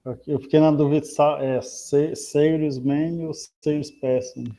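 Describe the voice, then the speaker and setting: Hesitant student, mellow voice. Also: male voice, on the high side, level tone, unhurried. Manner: hesitant, with restarts and apologies. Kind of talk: answering in an online class.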